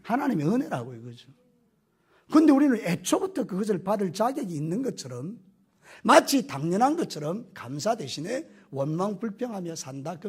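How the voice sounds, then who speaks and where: Male pastor, high husky voice, lively swinging delivery, questions the congregation directly. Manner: acts out quoted voices. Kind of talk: Sunday morning sermon. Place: church sanctuary.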